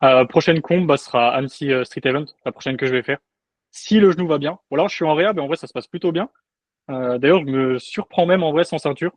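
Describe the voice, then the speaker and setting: Young guy on a podcast, chill and jokey, kinda higher voice, dry sound. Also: fast talker, no room sound. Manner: laid-back, joking. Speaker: guest coach and athlete. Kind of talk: casual podcast chat.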